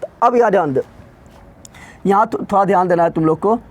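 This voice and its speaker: A man's voice: sits high, a little fast. A male teacher giving a colloquial, emphatic classroom lecture, constantly quizzing students with repeated questions.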